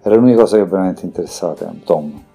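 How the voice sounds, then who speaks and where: Male narrator reading a fantasy audiobook in a low, mellow, measured voice. Soft music plays quietly behind him, and his delivery stays steady and composed. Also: vocal fry. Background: faint background music.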